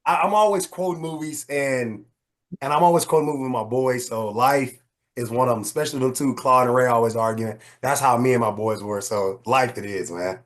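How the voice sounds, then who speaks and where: A man's voice: mid-range voice, brisk. A man who is a coach, a guest on a podcast, chatting in an easygoing way and telling stories. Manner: easygoing, laughs often, relaxed storytelling. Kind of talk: casual interview chat.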